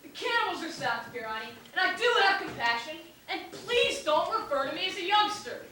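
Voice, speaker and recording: An actor as a prim, exasperated young woman on stage, high-pitched and lively. She speaks patiently, and her voice rings through a large echoey hall. It is picked up from a distance. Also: a little fast, slight background noise, exaggerated voice. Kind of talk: stage musical acting.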